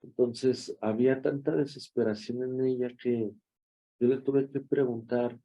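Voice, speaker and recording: A male Mexican pastor preaching a devotional in an easy, storytelling manner. His voice is gravelly and dark, and he takes his time with each phrase. The recording sounds somewhat dull and lo-fi. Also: medium pitch, fairly even intonation, measured pace. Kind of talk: devotional sermon.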